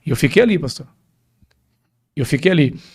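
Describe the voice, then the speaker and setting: A man's voice: on the high side, expressive, brisk, slightly rough. A man, a pastor telling a personal testimony in a podcast interview, emphatic and often addressing the host directly.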